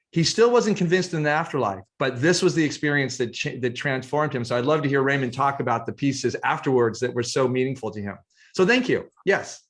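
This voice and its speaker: A male host giving a relaxed, casual introduction to a video, with fillers and self-corrections. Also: medium pitch.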